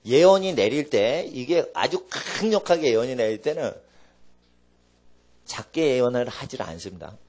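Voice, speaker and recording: A male pastor preaching a sermon in an animated way, swinging between loud exclamations and quiet asides. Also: mid-range voice, normal speed. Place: church sanctuary.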